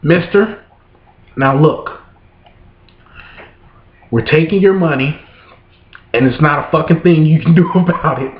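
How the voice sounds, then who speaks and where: Bored, dismissive female clerk, a man doing her voice; low, offhand delivery; echoey lo-fi take. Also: unhurried, long pauses, natural voice. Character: curt female child support clerk, dismissive. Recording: roomy, dull lo-fi room sound.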